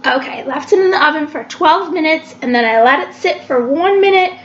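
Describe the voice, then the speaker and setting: A library cooking show host talks her way through each step of a home cooking demo in her kitchen, filmed by a webcam across the counter. Her voice is high-pitched and fairly quick, with lively intonation. The kitchen echoes, the webcam audio is dull and lo-fi, and there's a slight hiss or hum.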